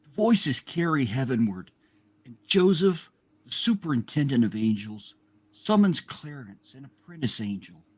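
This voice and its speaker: Male narrator and host, husky mid-pitched voice, very animated theatrical storytelling for a radio play. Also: a little slow.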